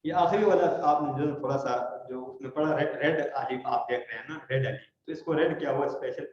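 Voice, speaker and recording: A man's voice: fairly high pitch, a little mellow. A man leads an online Quran recitation lesson, patiently spelling out sounds and checking that his students follow. His voice rings in a very echoey space. The call audio is dull and muffled. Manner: patient, explains step by step, checks understanding often. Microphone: online video call.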